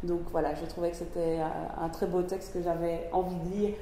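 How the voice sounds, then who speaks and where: A woman's voice: fairly low pitch, little pitch movement, fairly quick, dark tone. A woman from Belgium, moderating a discussion, speaking thoughtfully and hesitantly. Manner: thoughtful, hesitant, many fillers and restarts. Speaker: moderator and reader. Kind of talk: reading aloud, then hosting a discussion. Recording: very echoey hall, faint noise.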